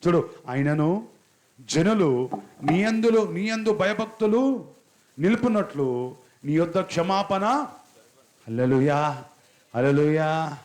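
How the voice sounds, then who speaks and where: A male pastor preaching a sermon in church, leading the congregation in slow, drawn-out chanted prayers and scolding listeners who do not join in. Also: high-pitched, animated, a little mellow. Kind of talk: sermon with call-and-response prayer.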